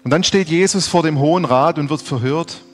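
Male pastor, earnest sermon, emphatic then hushed, long church reverb, faint music behind. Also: a little high, fairly quick. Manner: earnest, emphatic preaching with hushed dramatic drops.

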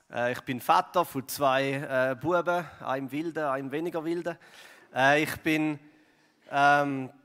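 With a somewhat high, slightly bright voice, the pastor speaks in a Swiss German accent, his casual sermon packed with fillers and tag questions like "oder" and "gell." The recording carries a long hall reverb.

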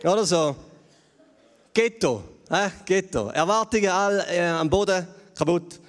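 Man, Swiss German accent, sermon, conversational preacher, slightly high voice, long hall reverb. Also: expressive, a little slow. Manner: conversational, with frequent tag questions.

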